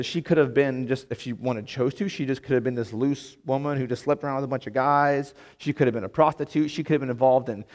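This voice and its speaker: A man teaching a Bible lesson in a casual, conversational way, full of fillers and restarts. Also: medium pitch.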